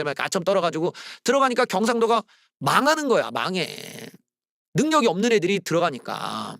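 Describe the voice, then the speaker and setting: A man hosting solo political commentary, blunt and scornful, ranting with rough slang. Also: sits high, dry recording, clean studio sound. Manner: mocks slogans in loud shouted bursts.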